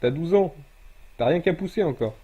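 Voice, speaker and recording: A man's voice: a little high, lively intonation, normal speed, breathy edge, dull audio. A man streaming a game over voice chat, mockingly lecturing a player like a stern parent. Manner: teasing, mock-parental. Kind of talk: casual gaming stream chat.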